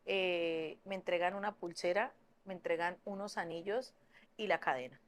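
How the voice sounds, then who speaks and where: A young woman telling a personal story in an earnest way, with halting restarts and fillers. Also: fairly low pitch. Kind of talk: personal story told to camera.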